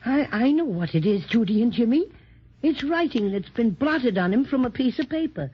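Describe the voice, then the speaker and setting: Cinnamon Bear, very high-pitched toy bear. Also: male voice, animated, normal speed, slightly rough, full character voice. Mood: confiding. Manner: chirpy, cheeky, theatrical. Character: small, cheeky, jolly talking toy bear. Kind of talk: 1930s children's radio acting. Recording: muffled 1930s radio recording.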